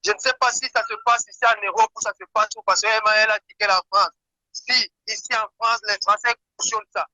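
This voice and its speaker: A man's voice: high voice, steady tone, fast talker, pushed and bright, no echo. A man calling in on speakerphone, indignantly pressing a guest with an accusing question and stumbling over repeated words. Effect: caller on speakerphone. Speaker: caller. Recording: dull lo-fi phone line.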